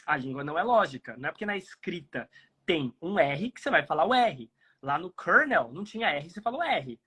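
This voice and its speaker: A man with a Brazilian Portuguese accent teaching English pronunciation, explaining patiently and repeating sounds slowly to demonstrate them. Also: on the high side, very animated, pushed and bright, breathy edge. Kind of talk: explanatory online lesson.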